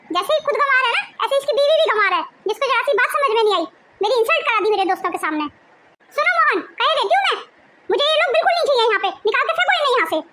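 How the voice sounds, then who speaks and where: A woman's voice: expressive, very fast, heavy background noise. A woman acting a haughty young wife who scorns her in-laws, snapping out insults in a home-video family drama. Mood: furious. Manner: sneering and shrill, snapping out insults. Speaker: actor in a family drama skit.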